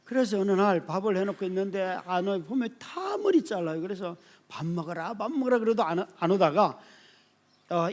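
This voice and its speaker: High-voiced Korean pastor preaching. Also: male voice. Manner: storytelling, swings from quiet asides to sudden shouts; speaks to the congregation directly, often asking "right?". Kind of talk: sermon.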